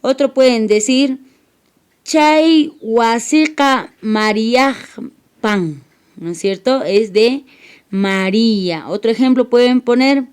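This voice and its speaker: A woman teacher giving a recorded lesson, slowly and patiently repeating each answer back as a question. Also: on the high side, darkish tone, smooth.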